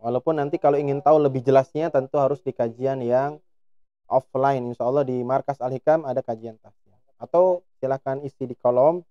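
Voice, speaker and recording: A man teaching Quran recitation on a live stream, explaining calmly and chanting long drawn-out examples. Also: medium pitch, no room sound, highs cut off.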